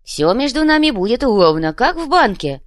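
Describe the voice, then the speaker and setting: A woman's voice: fairly high pitch, sing-song, no echo, studio quality, pitched above the performer's own voice. A woman doing Uybuy, a hasty cocky goblin. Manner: hurried, cocky. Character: hasty male goblin underling, cocky and chuckling.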